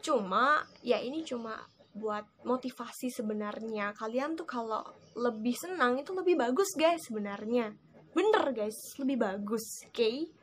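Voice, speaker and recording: A woman's voice: on the high side, unhurried. A young woman casually talking viewers through tips in a vlog, chatty and often calling them guys. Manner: chatty, addresses viewers as guys, lively emphasis. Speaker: vlogger teaching English tips. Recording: faint background noise.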